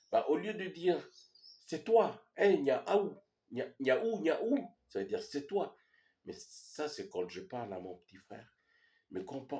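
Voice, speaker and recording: New guy teaching his language, low mellow voice, bounces up and down a lot, keeps asking ok?. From New Caledonia. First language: Iaai. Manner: patient, repeats "ok?" to check understanding. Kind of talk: explaining a language lesson.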